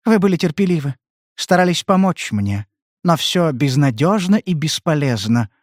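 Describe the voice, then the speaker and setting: A scared young woman pleads in a soft, trembling voice, as a man reads her part. Her lines sit far above the reader's usual pitch and swing widely in tone. The recording is close and dry. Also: very animated, normal speed, no room sound. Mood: pleading. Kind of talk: audiobook character reading.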